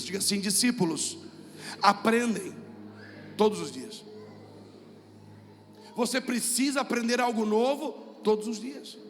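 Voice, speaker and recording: A pastor with a Brazilian Portuguese accent delivers an emphatic sermon, repeating phrases and calling on the congregation to say them back. His voice sits high for a man. It rings through a reverberant church hall, with soft music playing underneath. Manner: emphatic, repetitive preaching with calls to the congregation.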